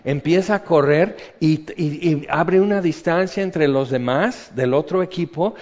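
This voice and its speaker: Middle-aged preacher, lively storyteller; dull recording with a long hall echo. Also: male voice, unhurried. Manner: animated storytelling, acts out voices with big jumps in pitch and loudness. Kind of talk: sermon.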